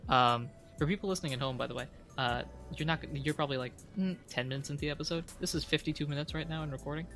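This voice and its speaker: A man running a tabletop game as game master, narrating in a relaxed, loose way with frequent fillers. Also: on the high side, rapid-fire, faint music behind. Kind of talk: casual actual-play narration.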